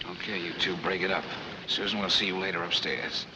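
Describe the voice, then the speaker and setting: An actor playing a smooth-talking male con man, slick and persuasive, in 1940s film acting. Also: deep voice, level tone, brisk, background noise, natural voice. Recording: old 1940s film soundtrack.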